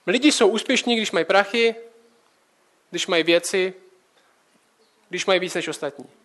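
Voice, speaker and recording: High-voiced young man preaching casually. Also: a bit bright. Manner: conversational, direct address with rhetorical questions.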